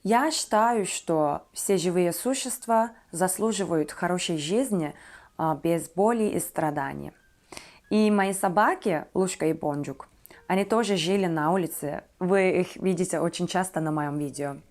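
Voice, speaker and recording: A native Turkish speaker in her twenties from Turkey talks to her viewers about herself as a vlogger, her Turkish accent audible. Her phrasing is careful and slightly halting, and her voice is on the low side with a darkish tone.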